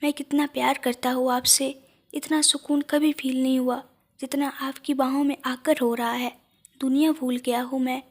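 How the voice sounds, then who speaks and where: Tender young husband for an audio story, read by a woman: soft, affectionate, high and even. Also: moderate pace.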